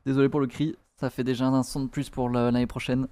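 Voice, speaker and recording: A man's voice: medium pitch, level tone, fast, dry recording. A man streaming a game in goofy live chatter, breaking into nonsense sing-song syllables, yelps and shrieks. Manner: loud shrieks and squeals. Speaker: gaming streamer.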